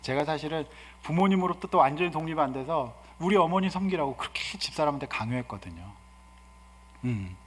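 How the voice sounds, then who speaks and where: A male guest pastor giving an animated, humorous sermon and asking the congregation questions. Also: mid-range voice, slightly rough. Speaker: guest pastor and seminar speaker. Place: church sanctuary. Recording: reverberant church hall.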